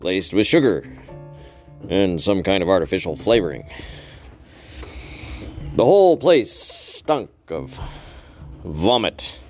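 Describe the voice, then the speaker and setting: Male storyteller, low and slow, dry deadpan delivery with long pauses. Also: soft background music. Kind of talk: wry first-person story narration.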